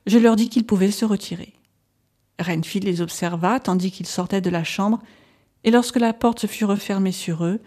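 A woman narrating a novel aloud in a measured, steady reading voice. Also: mid-range voice. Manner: measured, even reading of a doctor's journal. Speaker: audiobook narrator. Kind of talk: scripted narration.

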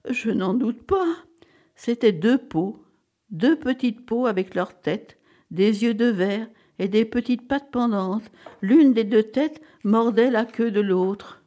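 A woman narrating a short story aloud, dramatic and animated. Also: fairly high pitch, takes it slowly. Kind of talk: expressive audiobook reading.

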